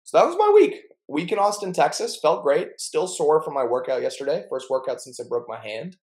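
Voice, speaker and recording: A man's voice: a little high, big pitch swings, fairly quick, darkish tone, poor audio. Young man, casual podcast chat, chatty, jokey, playful storyteller. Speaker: podcast co-host.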